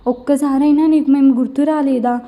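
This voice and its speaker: A woman's voice: high-pitched, steady tone, brisk, dark tone. Woman voicing a tearful middle-aged mother. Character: middle-aged mother weeping over her daughter.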